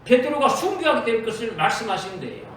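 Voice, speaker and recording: High-voiced preacher in an echoey hall. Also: male voice, very animated, fast talker, fairly bright tone. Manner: emphatic, repeats 'very' often, quotes Jesus in direct speech. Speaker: pastor. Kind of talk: sermon. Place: church sanctuary. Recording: echoey church hall from far off, faint noise.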